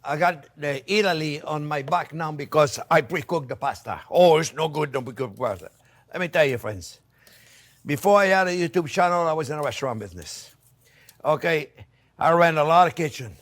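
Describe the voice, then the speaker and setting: A man with a slightly high voice presents a casual cooking demonstration. He is exuberant and playful, chatting straight to his viewers and coming back to favourite catchphrases. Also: expressive, moderate pace, a bit bright. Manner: exuberant, playful, repeats catchphrases, addresses audience as friends. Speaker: chef hosting a cooking channel.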